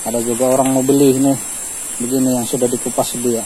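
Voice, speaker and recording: A middle-aged Malaysian man talks through his durian harvest in a steady, flat voice. He is out on a hillside, with clear outdoor noise in the background. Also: mid-range voice, fast, rough recording. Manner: relaxed explaining, steady even delivery. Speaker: vlogger. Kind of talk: casual outdoor vlog.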